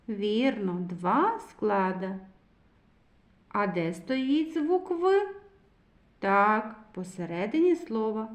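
A woman teaching a literacy lesson to preschool children in a slow, clear, sing-song teacher's voice. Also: fairly high pitch, echoey room.

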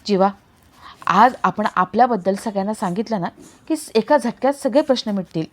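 A woman's voice: medium pitch, animated, fairly quick, close to an everyday voice. A woman reading a heartbroken, defiant young woman's lines in a serial recap, emotional and insistent. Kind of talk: dramatic read-aloud of serial dialogue.

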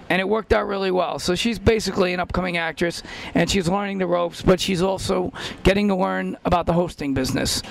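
A middle-aged man holds a handheld mic at a red-carpet event and tells an upbeat, brisk story. His voice is unusually high with a gravelly grain. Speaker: talent agency host. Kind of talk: casual red-carpet introduction. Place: indoor event in front of a banner.

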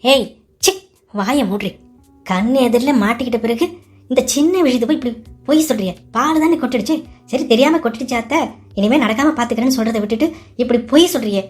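Cartoon part: shrill, insulting older mother-in-law, high-pitched scolding, a woman voicing her. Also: fast, darkish tone, soft background music, natural voice. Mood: angry scolding. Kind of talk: cartoon voice acting.

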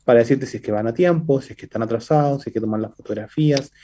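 A Chilean man in his 30s, appearing as a startup CEO guest in a business interview over video call, rattles off his answers quickly from an indoor room. His voice is mellow and darkish, with a Chilean Spanish accent, and his fast, fluent delivery is full of fillers like "entonces" and "eh".

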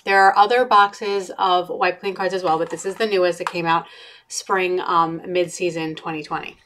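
A woman's voice: on the low side, fairly even intonation, moderate pace, a bit bright, slight background noise. Young woman, friendly show-and-tell host, webcam at home. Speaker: book consultant. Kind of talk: product review. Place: home playroom with bookshelves.

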